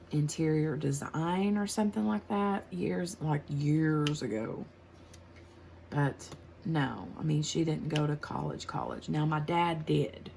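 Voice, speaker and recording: An American woman in her forties who hosts a craft channel chats casually, rambling a bit and laughing easily as she works on a craft project and answers tag questions. Her voice is on the low side, creaky and slightly mellow, with a little hiss or hum in the audio.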